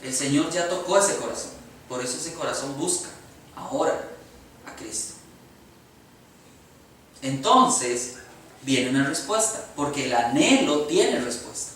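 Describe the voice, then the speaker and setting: A man's voice: medium pitch, animated, measured pace, pauses often, a bit bright, a little hiss or hum. A man with a Costa Rican accent preaching a sermon as pastor, earnestly posing rhetorical questions to the congregation. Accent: Costa Rican Spanish. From Costa Rica. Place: church sanctuary. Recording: echoey church hall from far off.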